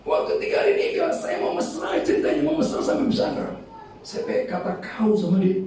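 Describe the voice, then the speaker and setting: Brief: middle-aged Batak pastor from Medan, animated high voice, mellow tone, joking sermon in a big echoey church heard from afar. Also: male voice, fairly quick, creaky. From Medan, North Sumatra. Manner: humorous storytelling, laughing, addresses congregation as "saudara". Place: large church hall. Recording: echoey church hall, from far off.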